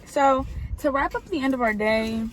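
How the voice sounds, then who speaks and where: A woman's voice: sits high, expressive, moderate pace, slight background noise. Chatty woman vlogging from a car. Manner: chatty, playful. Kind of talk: casual mukbang chat. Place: parked car.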